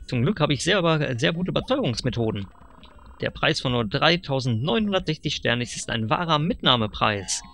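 A man voicing a sly, pushy fox furniture dealer who flatters with smooth sales patter. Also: medium pitch, normal speed, soft background music, full character voice. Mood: wheedling.

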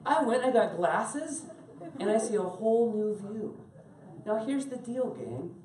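A male pastor preaching a sermon to his congregation, animated and laughing as he tells stories and calls on people by name. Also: high voice, measured pace. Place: church sanctuary. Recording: echoey room from far off.

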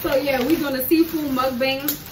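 A bubbly young woman with a New Orleans accent hosts a casual mukbang chat, her voice pitched a little high. She sounds set back from the mic in an echoey room with steady noise behind her. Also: a little fast, distant mic. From New Orleans, USA. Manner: bubbly, laughs often, loose slangy talk. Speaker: host.

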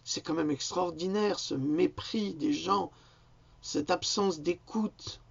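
A man's voice: sits high, takes it slowly, vocal fry, husky, lo-fi sound. A man giving an indignant, insulting political rant, hesitating often with fillers. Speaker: video commentator. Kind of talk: ranting political commentary.

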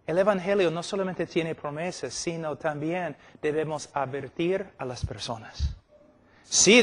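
Here the conference preacher's voice is a little high with a fairly bright tone. The middle-aged man tells illustrative stories and hammers points by repeating phrases, addressing seated listeners in a big hall that rings with long reverb.

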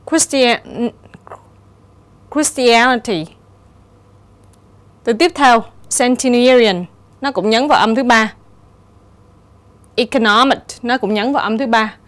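A woman teacher giving a steady, explanatory exam-prep lesson and reading the answer options aloud. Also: on the high side, fast talker, few pauses. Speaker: English teacher.

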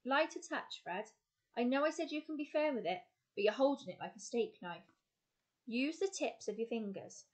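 A woman reading aloud voices a gruff, brusque adult male explorer who gives clipped commands as if over engine noise. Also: on the high side, animated, normal speed, voice pushed up, lightly acted. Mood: commanding.

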